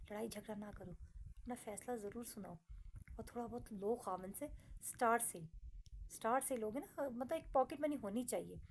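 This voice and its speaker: A woman's voice: a little high, creaky, darkish tone, slight background noise. Earnest middle-aged woman with a Pakistani Urdu accent. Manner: earnest, advising, repetitive. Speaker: vlogger. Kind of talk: casual personal talk to viewers.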